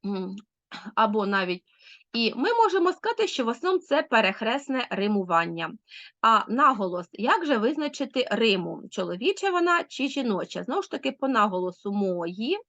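A woman with a Ukrainian accent, a literature teacher explaining a school lesson in a lively teacherly way. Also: fairly high pitch, brisk, dry recording. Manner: lively teacherly, with many diminutives. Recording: slightly dull lo-fi sound.

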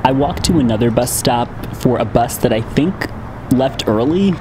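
A man's voice: medium pitch, expressive, moderate pace, noisy background. An American man in his twenties narrating a travel vlog in a scripted storytelling style. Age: 20s. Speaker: travel vlogger. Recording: music under the voice. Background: background music.

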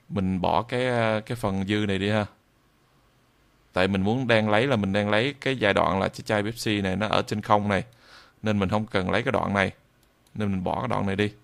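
A tutorial instructor with a southern Vietnamese accent improvises a screen-recorded software tutorial, walking viewers through it step by step. His low, gravelly, creaky voice stays fairly even in intonation as he halts and repeats himself while demonstrating.

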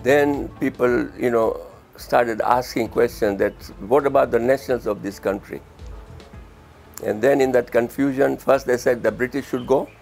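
Male interviewee, gravelly voice, explanatory and conversational. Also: medium pitch, normal speed, darkish tone, soft background music. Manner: explanatory, uses "you know". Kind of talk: interview commentary.

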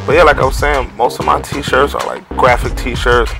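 A man from Cleveland in his thirties giving a relaxed, chatty closet-tour vlog narration at home. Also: medium pitch, moderate pace, gravelly, over music. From Cleveland, Ohio. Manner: relaxed, chatty, uses lots of fillers like "so yeah" and "like". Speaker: family vlogger.

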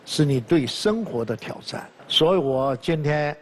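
A man's voice: on the high side, expressive, a little slow, a little hiss or hum. A man serving as a judge on a TV show, comforting children and giving his verdict on stage. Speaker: guest judge. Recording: studio with audience crowd.

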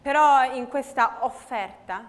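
A woman's voice: sits high, unhurried. A woman interpreting a sermon phrase by phrase in a hall, often correcting herself mid-phrase. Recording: long hall reverb.

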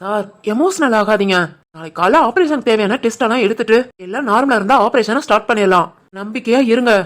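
A woman voicing a calm, reassuring male hospital doctor who explains patiently, with a Tirunelveli Tamil accent. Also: a little high, fast, lightly acted.

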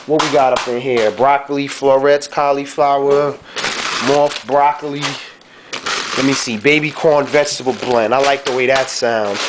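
This casual cooking vlog features a young man chatting in a relaxed, slangy way as he cooks in a dim home kitchen, frequently dropping "you know what I'm saying." He speaks at medium pitch and a moderate pace into a handheld camera mic held close, with a noisy background.

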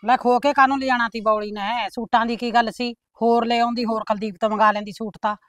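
A woman's voice: a little high, little pitch movement, fast talker, no echo, clean studio sound, natural voice. A woman with a Malwa Punjabi accent acting as an older village woman visiting her sister, reassuring in a firm way and quoting old sayings. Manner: firm, reassuring, uses proverbs. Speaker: visiting elder sister, called bebe. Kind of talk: village short film acting.

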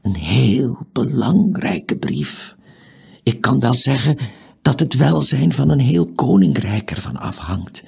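A man voicing a mysterious hooded old man in an audiobook, in a whispered role-play, hushed, urgent and pleading. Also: mid-range voice, big pitch swings, takes it slowly, vocal fry, slightly rough, voice pushed up, exaggerated voice. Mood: secretive.

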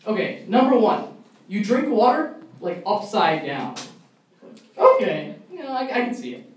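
A man's voice: high voice, big pitch swings, a little slow. Young man ranting in stand-up, echoey. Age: young adult. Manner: mock-outraged, ranting. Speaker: stand-up comedian. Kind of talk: stand-up comedy set. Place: college comedy club show. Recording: echoey room, mic far off, faint noise.

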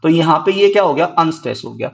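High-voiced Hindi-speaking male teacher. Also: animated, quick pace, gravelly. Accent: Haryanvi Hindi. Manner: explains in Hindi mixed with English terms, asks and answers his own questions. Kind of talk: exam-prep lecture. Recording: dull lo-fi recording.

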